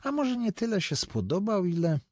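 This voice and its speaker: A man narrating a literary audiobook in an expressive, deliberate storytelling manner, recorded close to the microphone. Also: sits high, dry recording.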